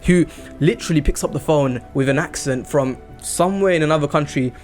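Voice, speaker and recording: A man's voice: on the high side, brisk, soft background music. A man hosting a casual podcast chat, talking earnestly and often restarting his sentences. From England. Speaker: podcast host.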